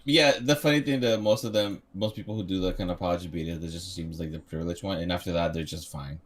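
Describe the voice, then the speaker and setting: Man, lowish voice, laid-back podcast co-host, short quips and questions. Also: quick pace. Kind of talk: casual chat.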